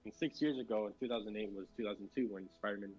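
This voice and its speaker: A man's voice: lowish voice, racing, darkish tone, dull audio, soft background music. Rambling man in casual gaming chat. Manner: rambling, many fillers and restarts. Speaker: co-host.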